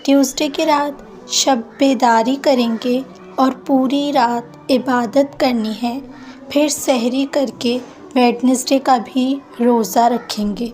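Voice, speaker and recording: A woman speaks in a high, clear register, laying out steps in an even, instructive way. It is a scripted voice-over with faint music underneath. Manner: steady, instructive, listing steps. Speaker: religious channel host.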